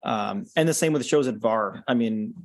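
A man's voice: fairly low pitch, normal speed, no echo. A man, a podcast guest talking casually and explaining things, with frequent fillers and restarts. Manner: relaxed, many "um" and "you know" fillers. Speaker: podcast guest, concert organizer. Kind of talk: casual interview chat.

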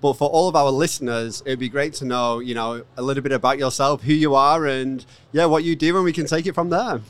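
A man's voice: mid-range voice, brisk, clear, resonant tone. A man hosting a podcast, interviewing a guest in a chatty, eager way. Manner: chatty, eager, frequent fillers and restarts. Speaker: podcast host. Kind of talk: casual interview chat.

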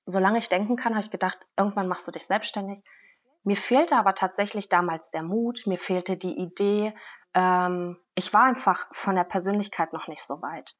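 A woman in her late thirties chats casually as an interview guest, lively and animated, often breaking into laughter. Her voice sits at an everyday middle pitch. The recording is dull and a little lo-fi. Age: 30s. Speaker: business mentor, guest.

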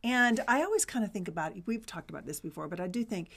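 A middle-aged woman, co-hosting a casual chat and telling stories in an animated, playful way. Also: mid-range voice, quick pace, husky. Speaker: co-host.

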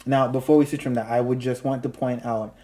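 A woman's voice: a bass voice, fairly even intonation, fairly quick, warm tone. A woman co-hosting a podcast in casual chat, talking loosely with lots of fillers and frequent laughs. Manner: chatty, laughs often, many fillers. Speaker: podcast co-host.

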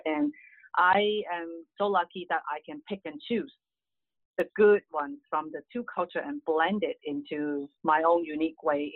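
Over tinny, dry phone audio, a middle-aged woman with a deep voice answers interview questions casually. She's a real estate agent from Hong Kong, a native Cantonese speaker, and comes across as earnest, frequently saying "you know."

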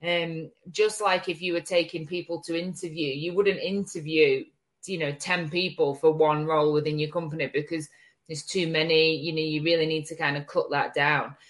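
A woman with a low voice, fairly even intonation and normal speed hosts a marketing agency's live show as a casual chat. Her manner is informal and wry, with some mild swearing.

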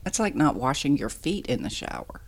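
A middle-aged woman chatting casually as a podcast guest, animated, candid and self-deprecating. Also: deep voice, moderate pace. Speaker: podcast guest, the host's mother. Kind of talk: casual interview chat. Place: indoors at a dining room table at home.

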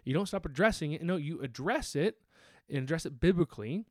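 A man's voice: a little high, expressive, brisk, no echo. A young adult man preaching a sermon in church, earnest and plain-spoken, often restarting and repeating his phrases. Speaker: pastor. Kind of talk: sermon teaching.

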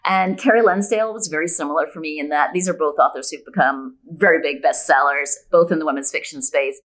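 A women's fiction author appears as a podcast guest, speaking in a deep but fairly bright-toned voice at a fast pace. In this conversational interview she explains her opinions emphatically with examples, and the recording is rough.

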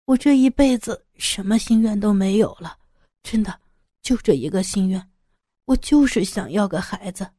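A woman's voice: medium pitch, expressive, normal speed, mellow, dry recording, clean studio sound, lightly acted. A woman voicing a desperate middle-aged man who sighs heavily and stammers through his pleas, in an audiobook story. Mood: pleading. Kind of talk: audiobook character voice.

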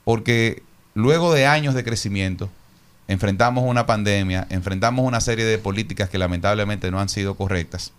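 A man's voice: lowish voice, a little fast, clear, resonant tone. A Dominican man, a politician, arguing his points at length and earnestly on a radio talk show. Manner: earnest, speaks in long reasoned points. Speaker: politician guest.

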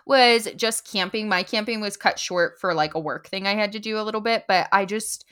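Bright-voiced upbeat woman co-host. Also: mid-range voice, clear, resonant tone. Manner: upbeat, laughs often, quick lists. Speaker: podcast co-host. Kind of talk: casual chat.

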